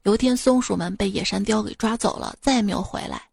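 A woman hosting a joke show, reading out short jokes at an unhurried pace and chuckling at her own punchlines. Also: medium pitch, creaky, darkish tone, husky, no echo, studio quality. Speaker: radio joke-show host.

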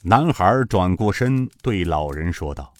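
A man narrating an audiobook with an expressive storytelling delivery. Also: deep voice, a little slow, no echo. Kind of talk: audiobook narration of a martial-arts novel.

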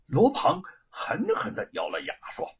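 A man narrating a historical story in a dramatic, expressive audiobook style. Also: sits high, measured pace, breathy edge. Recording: dull lo-fi recording.

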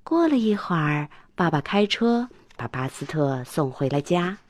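A woman storyteller reading a children's storybook aloud, expressive and animated. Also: low voice, measured pace, no echo.

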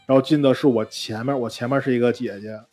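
A man co-hosting a casual chat podcast, telling a story with animated mimicry and many restarts. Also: mid-range voice, quick pace, breathy edge, faint music behind. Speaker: podcast co-host.

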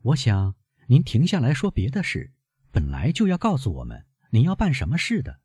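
A man's voice: medium pitch, huge pitch swings, moderate pace, darkish tone, breathy edge, no room sound, studio quality, voice pushed up. A man voicing a proud, insistent young noblewoman in an audiobook of a classic novel, speaking in a coaxing, teasing way.

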